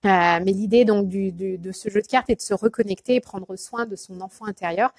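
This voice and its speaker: A woman's voice: mid-range voice, steady tone, a little fast, darkish tone, no echo. Hesitant chatty woman coach, dry sound. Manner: hesitant, many fillers and restarts; chatty, greets viewers by name. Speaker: life coach. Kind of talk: casual live video chat.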